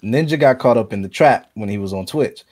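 A man, a video game streamer, talking as a podcast guest in a relaxed, conversational way with frequent ums. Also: on the low side, brisk. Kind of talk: casual podcast chat.

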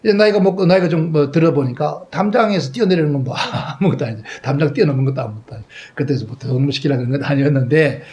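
Male pastor, sermon storyteller, acts out dialogue, wide loud-to-soft swings. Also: a little high, fast, hardly any pauses. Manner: swings between loud exclaims and soft trailing asides.

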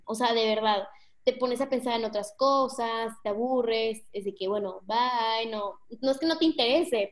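A young woman with a Mexican accent giving a casual online talk on public speaking, slangy and speaking straight to her audience. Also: fairly high pitch. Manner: chatty, slangy, addresses the audience directly.

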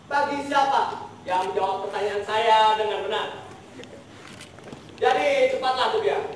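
A young male student actor playing a pompous, bossy regent in a comic stage play, with theatrical, deliberate delivery. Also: sits high. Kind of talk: comic amateur stage acting. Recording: noisy, echoing stage, distant microphone.

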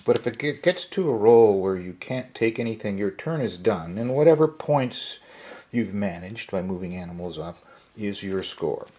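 A man who owns a craft shop, casually demonstrating a board game at a tabletop in his workshop. He talks in a relaxed, folksy way, with fillers. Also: lowish voice, moderate pace. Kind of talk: casual product demo.

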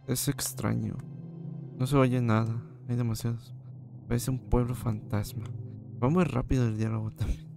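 Gravelly Mexican gamer joking through horror. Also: male voice, mid-range voice, a little mellow. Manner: joking, slangy, yelps when scared. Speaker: gaming host. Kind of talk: horror let's-play commentary.

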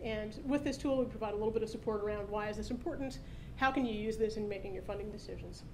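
Brisk woman presenting a product demo. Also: mid-range voice, a little hiss or hum, low-quality recording. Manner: brisk, explanatory, upbeat. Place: conference stage at a meetup, indoors. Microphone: podium microphone.

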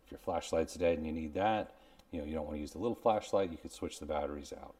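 Speaking fast in a very deep, slightly mellow voice, a host in his forties reviews a product casually to camera and explains it in plain terms. He's indoors in a small room at home, wearing a clip-on shirt lavalier, yet he sounds recorded from a distance.

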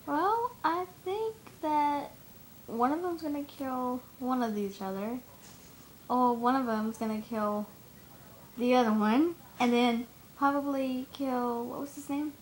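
Young woman co-host, high voice, brief agreeing replies in casual chat. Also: slow, a little hiss or hum, low-quality recording.

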